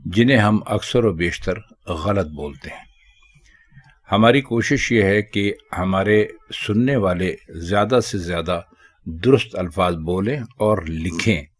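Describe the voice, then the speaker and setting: A man teaching Urdu, explaining correct spelling and pronunciation of common words in a measured, deliberate way. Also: on the low side.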